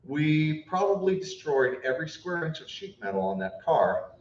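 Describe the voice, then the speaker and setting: A young man with a slightly high, very animated, somewhat mellow voice speaks at a moderate pace while delivering a eulogy at a memorial service hall. He shares childhood stories with light humor, then earnestly reads a passage, occasionally stumbling over words. The recording is echoey, distant, and dull, as if captured across the room.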